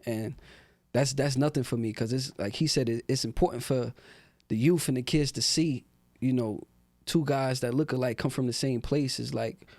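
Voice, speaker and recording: A young Newark, New Jersey man, a rapper appearing as a podcast guest, chats in a laid-back street style packed with fillers. His voice is mid-range at a normal speed, and the recording is dry.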